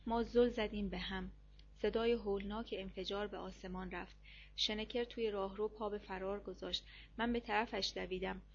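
Woman, narrating a novel, measured, mid pitch, dull lo-fi recording. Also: fairly bright tone. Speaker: audiobook narrator. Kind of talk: reading a war novel aloud.

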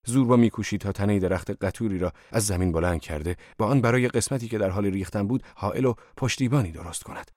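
Low-voiced man narrating an audiobook. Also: no echo, studio quality. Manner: steady, measured storytelling. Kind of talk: scripted literary narration.

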